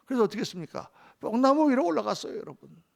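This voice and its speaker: A man's voice: very high voice, expressive, fast talker, creaky. A male pastor preaching a sermon, emphatic, often asking the congregation questions.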